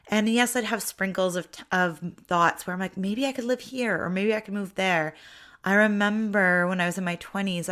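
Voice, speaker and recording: A woman's voice: on the low side, a bit bright, clear, resonant tone. A middle-aged woman from Ontario, hosting her own podcast in a chatty, reflective monologue full of restarts. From Ontario, Canada. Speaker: podcast host.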